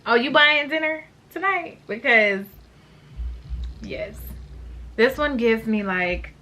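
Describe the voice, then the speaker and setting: A woman's voice: fairly high pitch, lively intonation, slow pace, bright, forceful tone. A woman in her late twenties chatting casually and gushing in slangy terms while reviewing perfumes for her vlog. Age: late 20s. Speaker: beauty vlogger.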